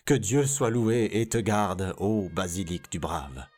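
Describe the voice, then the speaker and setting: A merry porter, battered yet cheerful, crying out pious blessings in a low, slow voice, as a man acts him out. Faint music plays under him. The tone stays close to the reader's own deep register. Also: expressive. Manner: pious, plaintive exclamations. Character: merry, much-beaten male porter.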